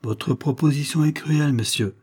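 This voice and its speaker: A man's voice: a little high, normal speed, dark tone, husky, voice pushed up. A man reading the part of an accused young woman, speaking faintly and defiantly under strain. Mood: wounded defiance.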